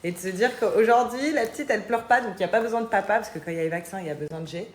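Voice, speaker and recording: A woman's voice: medium pitch, racing, roomy sound. Young woman, casual vlogger mom, fillers, noisy ambience. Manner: chatty, with frequent fillers, coos to her baby. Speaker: vlogger and mother. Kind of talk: casual vlog chat.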